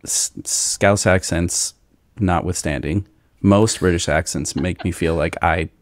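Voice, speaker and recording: Deep-voiced man from Kentucky. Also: unhurried, no echo, studio quality. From Northern Kentucky, US. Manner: rambling, chatty, with filler words. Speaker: podcast host. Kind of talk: casual chat.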